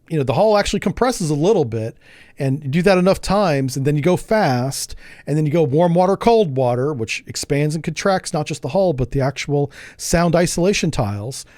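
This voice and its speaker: A man streaming a game, chatting casually with his viewers, joking, laughing often and thinking out loud. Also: fairly high pitch, dry recording, studio quality. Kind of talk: casual live gameplay commentary.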